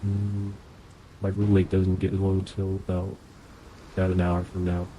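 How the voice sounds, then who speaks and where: A sick young man with a nasal sound streams a game playthrough, chatting and thinking aloud in live commentary. His low, warm voice is completely flat at normal speed, and the poor audio carries slight background noise.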